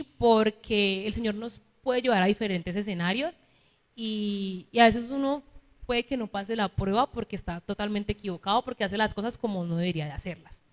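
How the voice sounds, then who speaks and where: In a large church hall, a woman with a medium-pitched voice and a Colombian Spanish accent from Cali preaches a sermon. She teaches as she goes and often asks the listeners to agree with her.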